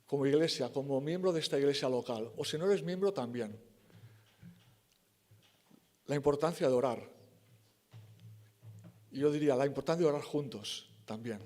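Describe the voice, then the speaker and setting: A man's voice: medium pitch, fairly quick, darkish tone. A man preaching a sermon in church, emphatic and conversational, correcting himself and acting out the quoted lines.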